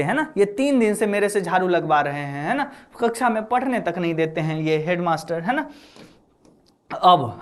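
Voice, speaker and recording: A male teacher explaining a story chapter in a casual lecture style, repeating lines often and acting out quotes. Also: high voice. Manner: repeats lines with frequent "है ना" fillers, acts out quotes. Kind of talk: explaining a Hindi lesson.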